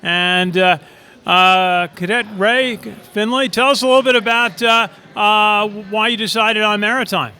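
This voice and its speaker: A man with a high, bright voice conducts casual interviews at an event. He pauses often with "uh" and answers each reply with quick praise. His delivery is friendly but halting. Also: fairly even intonation, clean tone. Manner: hesitant, many "uh" fillers, brief praise. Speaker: interviewer and video host.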